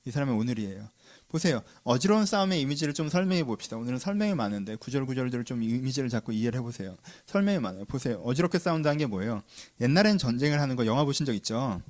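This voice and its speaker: A man's voice: medium pitch, sing-song, racing, a little mellow. A man preaching a sermon, constantly asking his listeners questions and answering them himself. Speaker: pastor.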